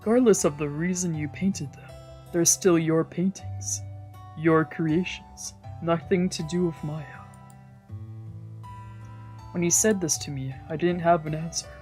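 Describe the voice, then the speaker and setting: A streamer narrates a visual novel in a let's play, reading the script in a steady, darkish mid-range voice at a measured pace with frequent pauses. They sometimes stumble and reread phrases while the game's music plays underneath.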